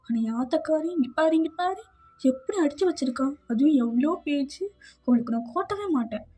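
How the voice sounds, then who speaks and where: A woman's voice: high-pitched, steady tone, a little slow, dark tone. A woman voicing a clingy, feisty young wife. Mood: stubborn. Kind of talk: fan fiction audio story.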